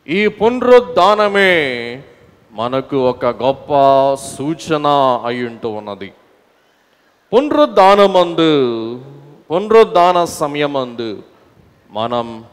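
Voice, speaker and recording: Telugu-accented pastor preaching in a reverberant hall. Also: male voice, on the high side, smooth. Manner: calls out to the congregation to answer aloud; breaks into sung hymn lines. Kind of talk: sermon.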